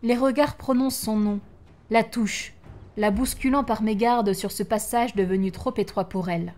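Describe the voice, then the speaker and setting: A woman reading a story aloud, narrating in an expressive way and acting out the lines. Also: mid-range voice, normal speed. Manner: expressive, acting out each line.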